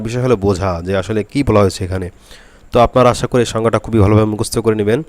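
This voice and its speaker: A man teaching a Quran reading lesson, speaking slowly and repeating each letter drill aloud. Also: on the low side, a little mellow, no echo. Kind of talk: spoken lesson to camera.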